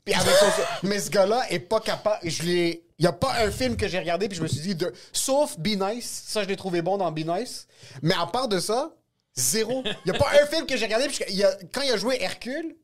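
A man's voice: high-pitched, lively intonation, fairly quick. A man with a Quebec French accent giving opinions in casual chat, emphatic and repeating himself to drive points home.

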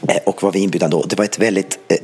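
Man, husky voice, low pitch, animated podcast storyteller. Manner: animated anecdote telling, acting out dialogue. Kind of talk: casual chat, storytelling.

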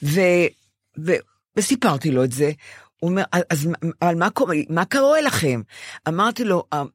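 An older woman co-hosting a podcast chats casually, her pitch leaping and dipping as she tells a long personal story. She animatedly acts out lines she once said to other people. The recording is close and dry, with no room sound at all.

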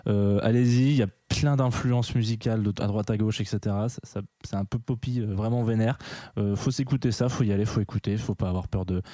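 A man's voice: on the low side, fairly even intonation, a little fast, dark tone, no room sound, clean studio sound. Rambling, self-mocking male radio host. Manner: chatty and rambling, with many fillers and restarts; self-mocking, laughing at himself. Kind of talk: casual live radio presenting. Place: radio studio.

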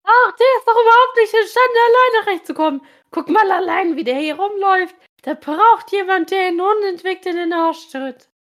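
Woman reading prying aunt, provocative, spiteful, very high voice. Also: normal speed, few pauses, a bit bright. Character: nosy, spiteful aunt, middle-aged.

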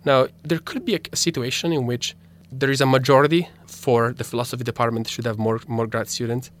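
Briskly and with fairly even intonation, a medium-pitched young man, native in Italian and Italian-accented, presents his philosophy research as a graduate student on a radio interview. He's thoughtful, restarting frequently and using many fillers.

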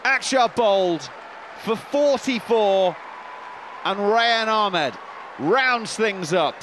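A man commentates on cricket live. His voice sits high and he takes his time between phrases, with faint noise around him. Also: expressive, extremely slow, a bit bright, some chatter behind.

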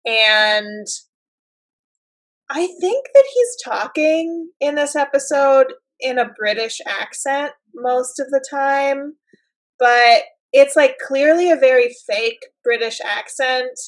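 A woman's voice: high-pitched, expressive, slow, poor audio. A woman co-hosting a casual chat, musing her way through her thoughts with frequent fillers. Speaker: podcast co-host. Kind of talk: casual chat about a TV episode.

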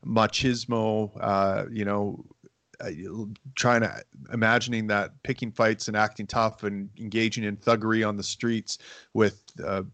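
A middle-aged man hosts a casual podcast chat in a low, fairly flat voice. He rambles through his points with many fillers and restarts. The sound is dry and close. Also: a little slow, dry recording. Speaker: podcast host.

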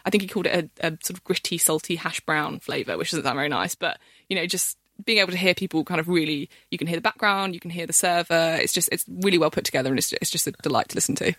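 A woman's voice: lowish voice, fast, fairly bright tone, dry recording, clean studio sound. A woman chatting enthusiastically as a podcast guest, full of fillers and restarts. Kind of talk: casual podcast chat.

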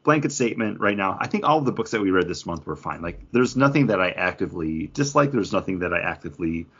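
One co-host of a podcast chats casually about comics and craft beer, talking fast in a deep voice with lively intonation, a bit of brightness and a breathy edge. The podcast audio is slightly dull and lo-fi.

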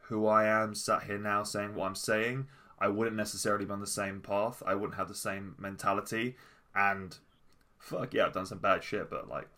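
A man's voice: fairly low pitch, sharp tone. A man hosting a podcast, talking casually with plenty of fillers and swearing. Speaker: podcast host.

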